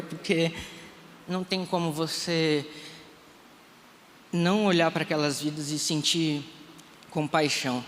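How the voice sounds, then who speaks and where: A man's voice: high voice, a bit bright. A man in his thirties from Brazil, a pastor giving an emotional testimony in a live church service, acting out the conversations he retells. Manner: emotional storytelling, re-enacting dialogue. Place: church sanctuary. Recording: reverberant hall, faint room noise.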